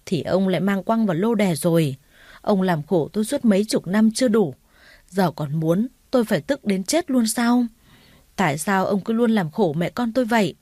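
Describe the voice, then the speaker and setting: A frugal older mother, distraught and scolding, as a woman reads her, pouring out rapid, wailing reproach in a mellow, warm voice. The sound is dry and close for the storybook reading. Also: medium pitch, animated, dry recording, natural voice.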